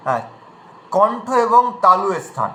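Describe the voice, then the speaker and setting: A man's voice: high voice, big pitch swings, moderate pace, pushed and bright, reverberant, a little hiss or hum, poor audio. A man teaching pronunciation in an online class, patiently demonstrating sounds one at a time.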